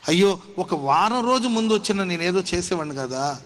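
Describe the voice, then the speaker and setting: A male preacher voicing a regretful doctor who apologizes softly. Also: sits high, lively intonation, a little fast. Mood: apologetic.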